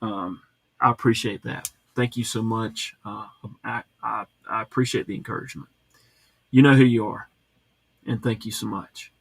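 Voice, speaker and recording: A man's voice: fairly low pitch, fairly even intonation, normal speed, vocal fry, a bit bright, breathy edge, no room sound. A man hosting a casual live chat, reading out viewer comments and rambling along with plenty of fillers and restarts from home.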